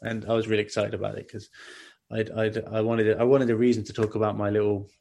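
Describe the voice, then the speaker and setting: A man as a podcast guest, telling long stories in an animated way with many restarts and asides. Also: fairly low pitch, fast talker, creaky. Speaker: guest, outdoor cooking video maker. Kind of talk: casual podcast interview.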